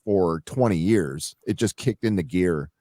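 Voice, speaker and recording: A man talks through a loose panel chat in a very low voice, dry and close to the mic. He stumbles and repeats words as he gathers his thoughts. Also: expressive, dark tone, no room sound. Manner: halting, repeats words while thinking. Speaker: stream host.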